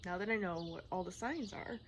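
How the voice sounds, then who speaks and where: A woman talking candidly in a personal vlog, in a rambling, halting, casual way, often repeating herself. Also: medium pitch. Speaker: personal vlogger. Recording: clearly noisy outdoor-like ambience, birdsong. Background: birdsong and environmental noise.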